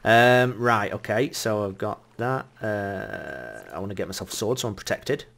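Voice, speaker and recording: A man talks over a multiplayer game with his friends. His voice jumps up and down in pitch as he teases the others and breaks into giggles. It is a relaxed, chatty gaming session. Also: moderate pace, gravelly. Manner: giggly, teasing, laughs often. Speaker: gameplay commentator. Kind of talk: casual multiplayer game chat.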